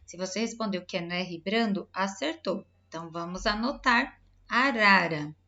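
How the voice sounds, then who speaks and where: A Brazilian woman teacher giving a recorded lesson to young pupils, drawing out each word slowly as she dictates. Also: medium pitch, bright, forceful tone, lo-fi sound. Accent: Brazilian Portuguese. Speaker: primary school teacher. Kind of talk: recorded remote lesson for children.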